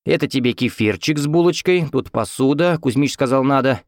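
A man voicing an eager, excitable young male student visiting a friend in hospital. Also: mid-range voice, a little fast, no echo, studio quality, voice pushed up, natural voice. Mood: excited. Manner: excited, lively.

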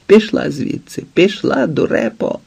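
A man voicing a spoiled, contemptuous teenage boy who shouts, in an audiobook. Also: high-pitched, animated, a little slow, vocal fry, slightly rough, voice pushed up, exaggerated voice. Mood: scornful, angry.

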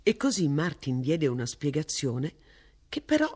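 A woman narrating a literary audiobook with an expressive, animated delivery. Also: deep voice, a little slow, slightly rough. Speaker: audiobook reader.

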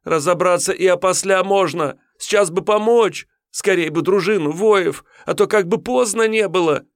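A man's voice: high voice, normal speed, no room sound, clean studio sound, voice pushed up. A man doing a frantic young serf messenger. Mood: frantic pleading. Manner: pleading, breathless shouting.

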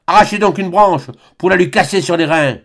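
A man's voice: fairly high pitch, lively intonation, normal speed, voice pushed up. A man voicing a zealous, furious friar who condemns in a thundering voice. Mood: raging.

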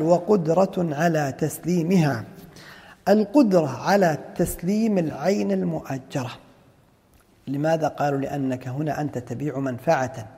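Man, fiqh lecturer, gravelly voice, dark tone, explanatory, asks himself questions. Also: a little high, long reverb tail. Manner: explanatory, asks and answers his own questions. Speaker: Islamic jurisprudence teacher.

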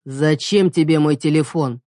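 A woman's voice: low-pitched, normal speed, warm tone, no room sound, lightly acted. Woman reading an aggressive jealous husband, curt and swearing, dry close sound. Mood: hostile. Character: angry jealous husband, rough, demanding.

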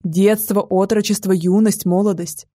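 A woman narrating a first-person audiobook in a calm, measured way. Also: medium pitch, no room sound, studio quality.

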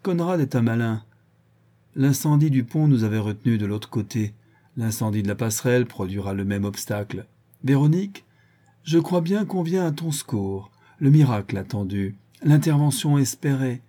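A man's voice: medium pitch, animated, normal speed, warm tone, natural voice. A man voicing a drunk, mocking middle-aged villain who taunts his captive in an audiobook. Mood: sly scheming. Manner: sneering, jovial, taunting. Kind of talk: audiobook character voice.

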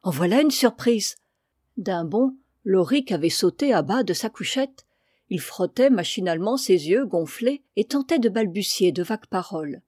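Mellow woman reading a novel aloud. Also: medium pitch, slightly rough, no echo, studio quality. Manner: measured, expressive reading. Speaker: audiobook reader. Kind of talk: literary audiobook narration.

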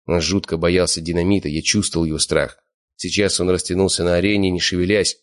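A man narrating an audiobook in the first person, steady and smug. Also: low voice. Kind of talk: scripted narration.

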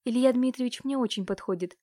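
A woman's voice: fairly high pitch, fast talker, mellow, no echo, studio quality, close to an everyday voice. A woman reading a defiant young noble girl. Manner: defiant, pleading. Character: stubborn, desperate 18-year-old noble girl.

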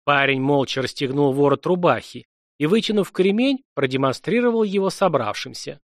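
A man narrating an audiobook in an even, measured storytelling voice on a close mic. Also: fairly high pitch, dry recording. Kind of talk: scripted narration.

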